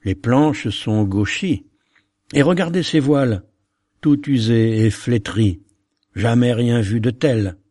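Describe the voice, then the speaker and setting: Slow, dark-voiced man reading solemnly. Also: fairly low pitch, dry recording, clean studio sound. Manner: solemn, measured recitation. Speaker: narrator. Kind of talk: dramatic reading of a narrative poem.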